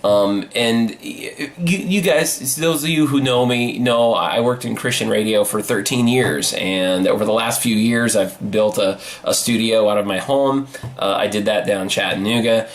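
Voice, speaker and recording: A man speaking as a podcast host in a casual behind-the-scenes vlog, informal and halting, with a self-deprecating manner, recorded in an apartment hallway. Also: lowish voice. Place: hallway of an old high-ceilinged apartment.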